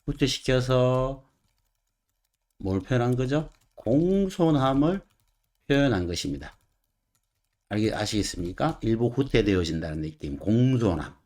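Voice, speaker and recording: A man's voice: medium pitch, big pitch swings, unhurried, pauses often, a little mellow. A man teaching English grammar in a video lecture, working through textbook sentences and asking the viewers rhetorical questions.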